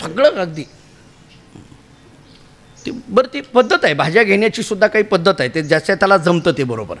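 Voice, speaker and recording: A man's voice: high-pitched, big pitch swings, brisk, fairly bright tone. A man preaching and telling stories to a live audience, chatty and humorous, often asking the listeners questions. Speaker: kirtan preacher. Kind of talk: sermon storytelling. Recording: long hall reverb.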